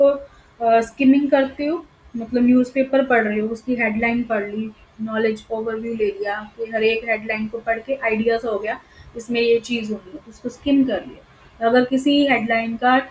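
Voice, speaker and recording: Brief: young female tutor, slightly high voice, step-by-step exam explanations, faint noise behind. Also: a little mellow, reverberant, low-quality recording. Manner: mixes Hindi with English terms, explains step by step; checks in with listeners often. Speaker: teacher. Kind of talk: exam-prep lesson explaining answers.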